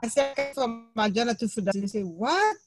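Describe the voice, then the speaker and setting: A woman in a study circle telling an anecdote on a video call, animated, with non-native grammar, laughing at her own story. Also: a little high, brisk, over music, rough recording.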